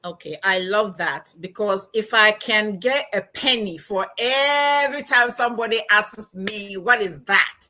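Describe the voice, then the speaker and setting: A woman from Ghana with a Ghanaian accent, a guest telling stories in an animated, emphatic way in a casual podcast interview over a call. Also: medium pitch, measured pace, few pauses. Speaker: guest, anthropology professor and financial coach.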